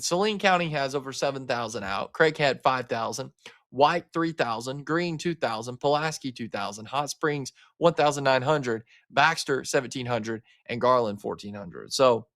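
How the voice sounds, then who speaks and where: A man's voice: mid-range voice, fairly bright tone. A man from Arkansas, hosting live weather coverage in a casual, chatty way, talking straight to his viewers. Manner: casual, chatty, talks to viewers as guys, frequent fillers. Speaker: livestream weather host.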